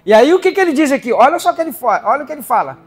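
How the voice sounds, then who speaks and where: A woman with a Brazilian accent preaching a sermon in a church service, animated, laughing as she speaks and acting out the voices she quotes. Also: sits high, rapid-fire, soft background music.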